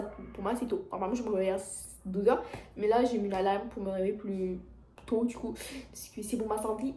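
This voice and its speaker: A teenage girl with a French accent rambles through a confessional vlog, restarting sentences and leaning on fillers. Her voice is soft and mellow. The room around her sounds roomy and echoey, with a faint background hiss. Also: medium pitch. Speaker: vlogger. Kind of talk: casual confessional vlog chat. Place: at home, indoors.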